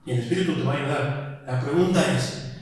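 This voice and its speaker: A man's voice: a little high, a little fast, a little mellow. Mexican pastor man preaching hard, lots of questions, far off mic in a really echoey church. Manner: emphatic preaching full of rhetorical questions. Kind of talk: sermon. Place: church prayer hall.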